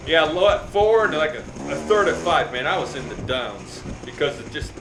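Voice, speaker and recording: Gravelly man, casual race vlogger, noisy echo. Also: fairly high pitch, lively intonation, moderate pace. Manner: rambling, self-deprecating, chatty. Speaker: motovlogger and amateur dirt bike racer. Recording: roomy echo, loud engine and ambient noise.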